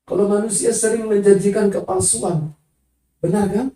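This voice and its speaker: A woman's voice: mid-range voice, steady tone, moderate pace, dark tone. A woman preaching a sermon, emphatic and calling out to the congregation, sometimes singing her phrases. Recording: echoey hall, voice from far off.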